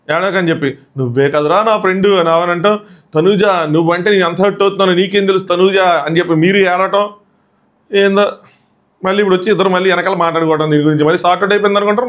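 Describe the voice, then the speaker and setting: A man's voice: high-pitched, a bit bright. A man giving casual commentary as a TV show reviewer, recapping in a chatty way that mixes in English words. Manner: acts out quoted lines from the show.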